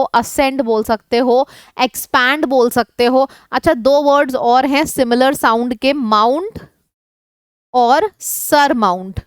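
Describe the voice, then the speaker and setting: Indian woman, high pitched, vocabulary tutor for exam prep, mixes Hindi and English, dry close recording. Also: smooth, no room sound. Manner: lively, asks the class questions and repeats synonyms in lists; switches between Hindi and English. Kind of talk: online class explaining English words in Hindi.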